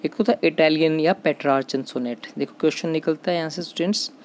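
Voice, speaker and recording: A teacher with an Indian accent giving an exam-prep lecture. The teacher keeps calling out to the students, repeats key terms, asks questions and answers them, and reads English lines slowly before explaining them. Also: mid-range voice, darkish tone, a little hiss or hum.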